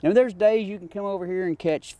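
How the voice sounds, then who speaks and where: A man's voice: sits high, brisk, dark tone. A middle-aged man from Oklahoma, a fishing guide explaining tactics in casual, folksy talk on a creek bank outdoors. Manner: folksy, easygoing teacher.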